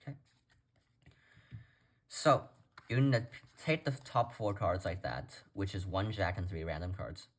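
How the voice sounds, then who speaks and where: A man's voice: sits low, lively intonation, unhurried, long pauses. A man giving a casual step-by-step tutorial as presenter, talking informally and directly to viewers. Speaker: card trick tutorial presenter.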